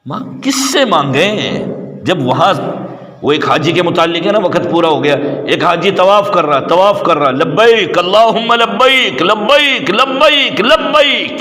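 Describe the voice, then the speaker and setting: High, impassioned preacher in echoey hall. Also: male voice, expressive. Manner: impassioned, swinging between soaring high calls and low hushed asides. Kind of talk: Urdu sermon with storytelling.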